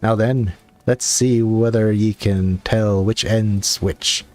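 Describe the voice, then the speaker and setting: A man's voice: on the low side, fairly even intonation, takes it slowly, a little mellow. Man doing a blustering old pirate chef. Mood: gruff. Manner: pirate drawl with rough, blustering bravado. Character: gruff old male pirate cook guildmaster. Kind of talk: reading game dialogue aloud.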